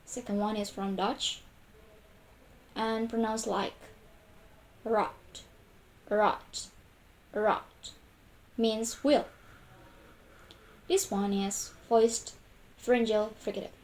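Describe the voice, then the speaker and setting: A woman's voice: on the high side, steady tone, slow pace, long pauses, darkish tone, rough recording. A young woman student giving a class presentation, speaking carefully and repeating each example sound several times. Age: young adult.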